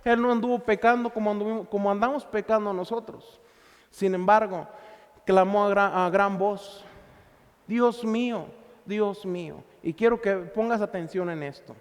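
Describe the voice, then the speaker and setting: High-voiced preacher man in reverberant hall. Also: steady tone, normal speed, clean tone. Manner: emphatic preaching, repeats phrases, asks the listener questions. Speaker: pastor. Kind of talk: sermon.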